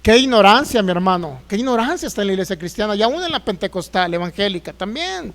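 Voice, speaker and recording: A man's voice: high voice, expressive, quick pace, fairly bright tone. A man preaching a sermon as a pastor, emphatic and acting out the voices he quotes.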